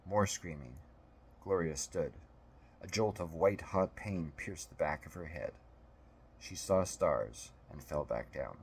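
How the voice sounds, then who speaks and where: A man narrating an audiobook in a steady, measured storytelling manner. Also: a bass voice, creaky, slight background noise.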